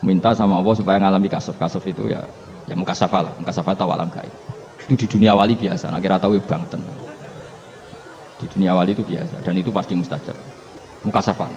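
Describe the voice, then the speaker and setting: A man's voice: low-pitched, fairly even intonation, fast talker, darkish tone, a faint crowd. A male Islamic cleric with a Javanese accent, giving a humorous religious lecture through stories and chuckling often. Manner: storytelling, chuckling, mixing in local words. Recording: dull lo-fi recording with faint hiss.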